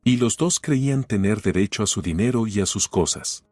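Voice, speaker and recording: Husky male storybook narrator. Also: fairly low pitch, moderate pace, darkish tone, no echo, soft background music. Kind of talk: audiobook story reading.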